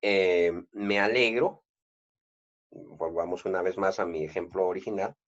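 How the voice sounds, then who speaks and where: A man with a Guatemalan accent giving a video lesson on grammar, explaining slowly with many "eh" fillers and restarts. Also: sits low, steady tone, muffled recording. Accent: Guatemalan Spanish. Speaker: Spanish grammar teacher.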